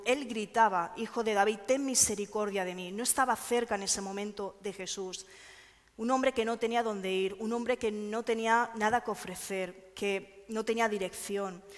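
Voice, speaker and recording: A woman preaching a sermon in church, reading scripture in an earnest, measured way. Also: medium pitch, a bit bright. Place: church hall. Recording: long hall reverb.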